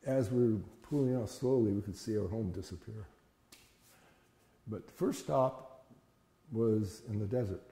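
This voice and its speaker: An older man telling childhood memories in a plain-spoken, folksy, halting interview style. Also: lowish voice, gravelly, dark tone. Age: older, 70s or above. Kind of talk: conversational oral-history storytelling. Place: reverberant indoor room. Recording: echoey room with long reverb.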